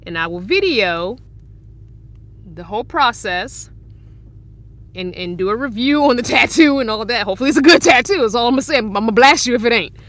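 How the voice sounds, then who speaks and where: Bright-voiced chatty woman in her forties. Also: fairly high pitch, expressive, fairly quick. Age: 40s. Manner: chatty and upbeat, laughs often. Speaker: van-life vlogger reading live chat. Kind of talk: casual live-stream chat. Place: inside her parked van.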